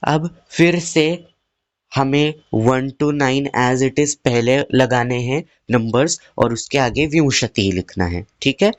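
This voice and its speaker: A man teaching a lesson to children, asking the same question over and over and answering slowly, drawing the words out. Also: mid-range voice, dry recording. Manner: drills with repeated questions and slow, stretched answers. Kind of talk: classroom-style lesson for children.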